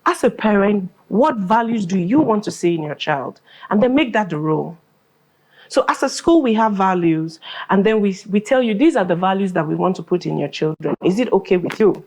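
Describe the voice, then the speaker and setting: A Nigerian woman who directs a school, answering interview questions as an animated storyteller who acts out dialogue and laughs often. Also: medium pitch, normal speed.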